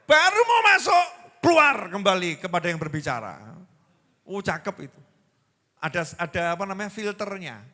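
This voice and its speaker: Animated Javanese preacher, bright and lively. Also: male voice, high voice. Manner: joking, questions the audience, animated. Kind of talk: lively sermon to a gathering. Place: large religious gathering hall. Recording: long reverb of a large hall.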